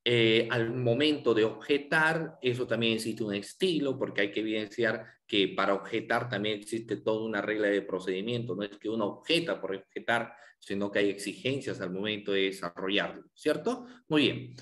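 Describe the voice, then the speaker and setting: A man's voice: lowish voice, normal speed, few pauses, a bit bright. A man giving a lecture to lawyers, asking rhetorical questions and adding tag questions. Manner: asks the audience rhetorical questions, with frequent tag questions. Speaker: law lecturer.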